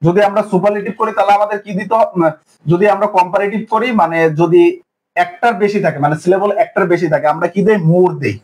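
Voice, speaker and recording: A young male teacher runs an exam-prep grammar lesson. His voice sits high for a man, and he drills each rule by asking a question and then answering it himself, over and over. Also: steady tone, fast talker, a little mellow, low-quality recording. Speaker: English teacher.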